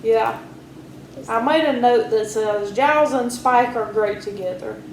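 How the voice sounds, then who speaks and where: A woman's voice: fairly high pitch, unhurried. Wry woman podcast co-host, roomy sound. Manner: relaxed, wry, reads out her own notes. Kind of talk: casual chat. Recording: roomy echo, faint background hiss.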